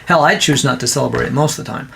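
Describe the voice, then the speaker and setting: A man's voice: mid-range voice, rapid-fire, gravelly. Sarcastic ranting man with a Minnesota accent. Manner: ranting, sarcastic, swings into loud mocking voices. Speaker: podcast co-host. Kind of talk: casual chat.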